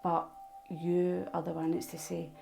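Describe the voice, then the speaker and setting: Scottish woman from Glasgow, low-pitched and husky-edged with fry, casual tarot reader talking to camera. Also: completely flat delivery, a little slow, warm tone, low-quality recording. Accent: Glaswegian Scottish. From Glasgow, Scotland. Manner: rambling, intuitive, speaks straight to the viewer.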